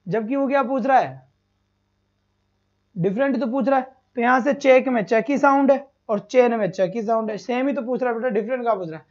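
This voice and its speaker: A male teacher in a live online exam-prep lesson speaks a little fast in a very high voice. He repeats each answer, asks rhetorical questions and calls his students "beta," all over slightly dull lo-fi stream audio.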